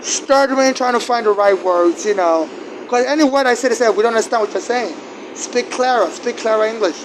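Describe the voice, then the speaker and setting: Fairly quick and fairly high-pitched, a non-native English speaker with a Nigerian accent tells of a personal grievance. He trips over words, repeats them and restarts, with loud, constant traffic in the background.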